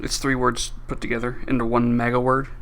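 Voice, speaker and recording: A man's voice: medium pitch, monotone, brisk, fairly bright tone. A man chatting casually with a friend on a stream, often stammering as he tells stories.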